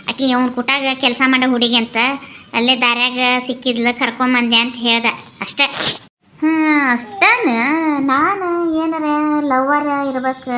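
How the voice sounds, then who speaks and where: A woman's voice: high voice, pushed and bright, slight background noise. A woman with a North Karnataka Kannada accent, voicing chatty, teasing village gossip in a cartoon.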